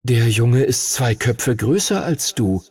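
A man's voice: medium pitch, expressive, slow, darkish tone, slightly rough, no echo, heavily acted. A man voicing a sensible young dragon who reasons in a dry, cautious way.

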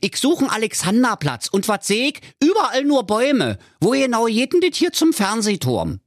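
Man doing a cheeky Berlin bear, brash and high-pitched, dry close sound. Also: huge pitch swings, normal speed, no room sound, exaggerated voice. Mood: grumbling. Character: gruff male Berlin bear, lazy and cheeky.

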